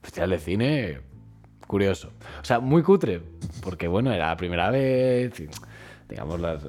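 A man's voice: sits low, moderate pace, faint music behind. A man, co-hosting a casual chat podcast and telling a dream story, acting out the crowd's voices. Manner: animated storyteller, acts out crowds. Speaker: podcast co-host.

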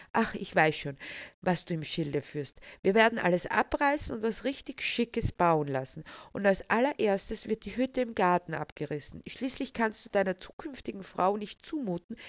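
A woman voicing a haughty, spoiled young fiancée, scornful and shrill, in a dull, dry recording. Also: expressive, moderate pace, few pauses, dry recording, lightly acted.

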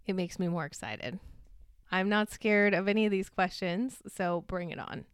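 A woman's voice: mid-range voice, normal speed, smooth. A woman telling stories in a casual podcast interview, rambling a little and laughing often. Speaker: podcast guest and co-host.

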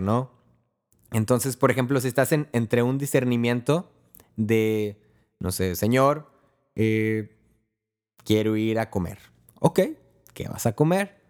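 A man giving a casual spiritual talk, speaking in a relaxed, conversational way and acting out small prayers and dialogues. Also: medium pitch.

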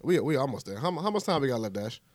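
A man co-hosting a casual group chat, animated and laughing, full of crude slang. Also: mid-range voice, quick pace, no echo. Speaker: podcast co-host.

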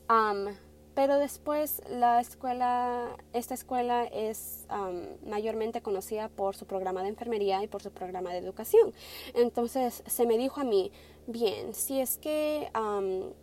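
Her voice is fairly high and a little mellow as this twenty-something podcast host talks casually about personal matters in Spanish. She hesitates often, restarts, leans on fillers and mixes in English words.

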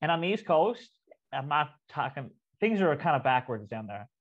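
A man's voice: a little high, big pitch swings, normal speed, muffled recording. A man with a Cape Breton accent chatting casually, telling stories in a blunt, profane, rambling way. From Cape Breton, Nova Scotia, Canada. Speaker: comedian guest. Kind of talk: casual chat.

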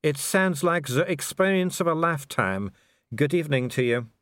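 A man's voice: mid-range voice, fast, dry recording, lightly acted. A shaken male diplomat who stays stiffly polite while his voice rises, voiced by a male reader. He sounds strained and formal. The recording is dry. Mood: stunned.

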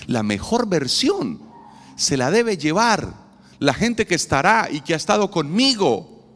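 A man preaching a sermon as a pastor, with a playful, animated delivery that acts out quoted voices. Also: fairly high pitch, a little slow. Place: church hall. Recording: long reverb in a church hall, faint noise.

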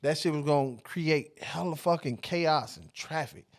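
A man's voice: on the high side, normal speed. Laid-back joking podcast host man. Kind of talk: casual podcast chat.

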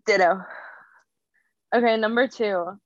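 A woman's voice: medium pitch, no echo. A young woman co-hosting a casual chat podcast, giggly and chatty, often drawing her words out. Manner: giggly, chatty, drawn-out phrasing. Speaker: podcast co-host. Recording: dry, dull lo-fi sound.

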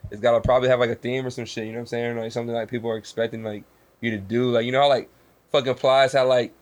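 Young American male, mid-pitched, fast, loose profane bro talk among friends. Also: level tone. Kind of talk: casual chat.

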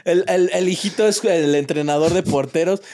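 A man's voice: high voice, normal speed, a little mellow. A young man with a Mexican accent, chatting casually on a podcast, slangy and full of restarts and fillers. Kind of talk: casual chat.

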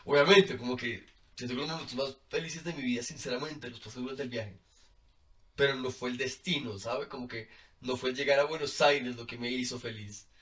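Colombian male guest, mid-pitched, chatty and animated, laughs a lot, slightly distant mic. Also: a little fast. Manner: animated, laughs often, fills with "como". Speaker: podcast guest. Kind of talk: casual storytelling.

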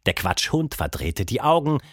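A man narrating a children's audiobook in a lively, expressive reading style. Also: medium pitch, moderate pace, slightly rough, no room sound, clean studio sound. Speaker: storyteller.

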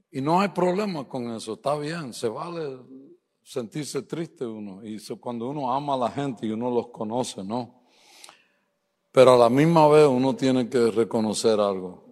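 A middle-aged male preacher tells joking stories to his congregation in an easy, teasing way. His voice sits at an ordinary pitch. A long reverb trails each phrase through the church hall. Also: a little mellow. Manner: joking storyteller, playful asides to the congregation. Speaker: guest preacher. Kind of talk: humorous sermon in a church service. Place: church sanctuary.

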